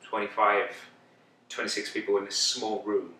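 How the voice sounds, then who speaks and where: A Greek-speaking actor in his thirties sits on a sofa indoors for a casual interview, talking thoughtfully and often restarting his sentences. His voice is fairly low, level and sharp at a normal speed, and the sound is roomy and slightly distant with slight background noise.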